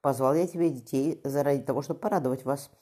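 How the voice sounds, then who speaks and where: A woman's voice: rumbling low, mellow, slightly rough, pitched above the performer's own voice. A woman reading as a heavy, mocking old tsar. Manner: slow, mocking authority.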